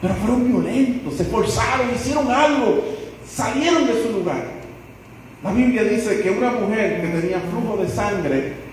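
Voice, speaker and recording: High-voiced pastor preaching. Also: male voice, normal speed, a little hiss or hum. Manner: dramatic storytelling, acting out the people in the stories. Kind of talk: sermon. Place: church sanctuary. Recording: echoey church hall, voice from far off.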